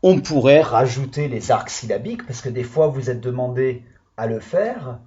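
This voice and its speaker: A man's voice: medium pitch, expressive, moderate pace, dark tone, lo-fi sound, slight background noise. A male primary school teacher giving a video phonics lesson to young children, patiently sounding out syllables.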